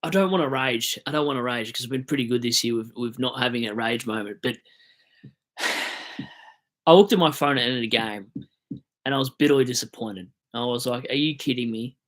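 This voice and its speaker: A man's voice: mid-range voice, brisk, pauses often, fairly bright tone. An Australian man hosting a fantasy football livestream, chatting casually, swearing and mock-ranting about his team.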